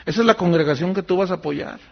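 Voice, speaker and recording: A man, preaching as a pastor, telling a story with lively acted-out voices. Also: fast, creaky. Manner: animated, acts out quoted voices with sudden high pitch jumps. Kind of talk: sermon with storytelling. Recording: dull lo-fi sermon recording.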